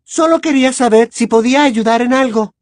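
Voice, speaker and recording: A woman voicing a curious, sharp-tongued teenage girl witch who speaks coolly and directly. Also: on the high side, brisk, dry recording, clean studio sound, lightly acted. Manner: cool and direct.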